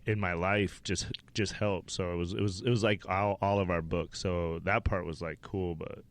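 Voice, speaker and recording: A man's voice: deep voice, fairly even intonation, normal speed. A man from Wyoming, a stand-up comedian, telling rambling, profane stories as a podcast guest. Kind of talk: casual interview storytelling.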